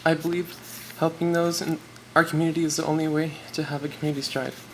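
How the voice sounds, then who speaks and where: This is a noisy live recording of a teenage boy accepting a student award. His voice is a little high and flat, and he speaks fast, nervous and tearful, sticking closely to his prepared notes.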